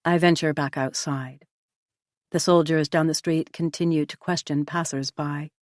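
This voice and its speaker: A low-voiced woman, working as an audiobook narrator, reads a first-person novel in a measured, even way. The recording is close and dry, with no sense of room and no echo.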